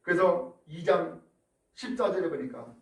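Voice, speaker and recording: A male pastor preaching a sermon in a church, telling the story in a lively way and asking the congregation rhetorical questions. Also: on the high side, measured pace. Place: church sanctuary. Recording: echoey room from a distance.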